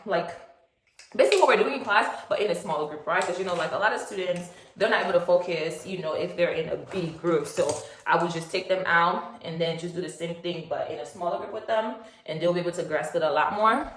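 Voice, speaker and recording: A woman's voice: lowish voice, a little fast, a bit bright, slight background noise. Chatty young woman in an echoey room. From Nigeria. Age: 20s. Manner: rambling, chatty, lots of fillers and asides. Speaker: vlogger. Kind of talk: casual chat, get-to-know-me story.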